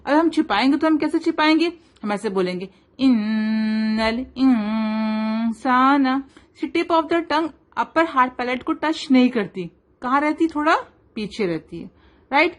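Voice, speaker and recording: A woman teaching a child Quran recitation rules, switching between Urdu and English, stretching words out slowly to model them and quizzing with "right?" and "fine". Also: high-pitched, expressive. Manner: asks quiz questions and checks with "right?" and "fine". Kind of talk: tajweed lesson for a child, mixing Urdu and English.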